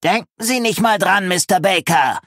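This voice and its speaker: An audiobook narrator voicing a nosy, pipe-smoking old woman who mocks her neighbor in a raised, croaky voice. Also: medium pitch, moderate pace, fairly bright tone, dry recording, clean studio sound, pitched above the performer's own voice, close to an everyday voice. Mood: mocking. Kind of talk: audiobook reading.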